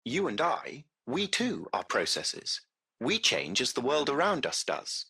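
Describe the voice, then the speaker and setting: This video game's machine chauffeur, the AI driver of a cab service, has an exaggerated mid-range male voice with a gravelly creak and a crisp, forceful edge, always impeccably courteous. He speaks unhurriedly, formal and precise, with a lively, varied melody. Serene and courteous, he comes across as curious and butler-like, picking words carefully.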